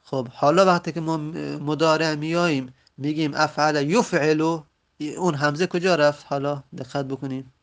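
A man whose first language is Persian, teaching an Arabic grammar lesson and slowly repeating each example word. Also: on the high side, fairly even intonation. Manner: slow, drawn-out repetition of example words.

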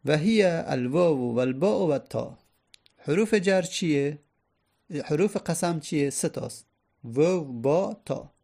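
A man's voice: on the high side, lively intonation, creaky, mellow. A man teaching an Arabic grammar lesson, explaining each point patiently and repeating it step by step.

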